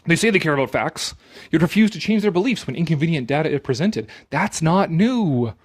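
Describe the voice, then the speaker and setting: This man's voice sits a little high and carries a breathy edge, and he speaks briskly and with animation. He dramatizes an article sarcastically as he reads it aloud, cutting in with his own casual, mocking opinions and the occasional swear word.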